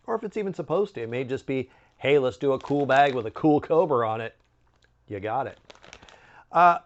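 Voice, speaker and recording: A man's voice: a little high, muffled recording. A man giving a casual, chatty snack review with wry, joking asides.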